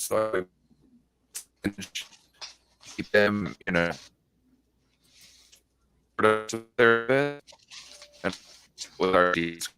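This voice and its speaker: A man on a sports podcast panel, talking haltingly with many pauses, his microphone crackling and cutting in and out. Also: fairly low pitch, a bit bright. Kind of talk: casual sports chat.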